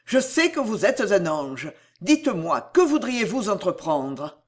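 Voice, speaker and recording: A reader voicing a desperate, ruined man in an audiobook, speaking in a loud, impassioned way. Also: mid-range voice, very animated, measured pace. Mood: agitated. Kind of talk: audiobook reading.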